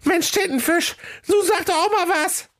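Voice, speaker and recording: A cheeky little red-hooded girl, as a man puts her on for a comic audio fairy tale, in a very high, squeaky falsetto. She chatters excitably with a northern German lilt. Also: normal speed. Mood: alarmed.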